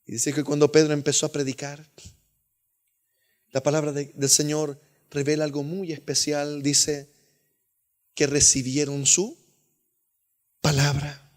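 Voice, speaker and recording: A male pastor preaches with fervor, his voice sitting high for a man. He swings between loud, ringing exclamations and hushed asides, calling his listeners beloved brother. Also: level tone, a little slow, pauses often. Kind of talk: sermon.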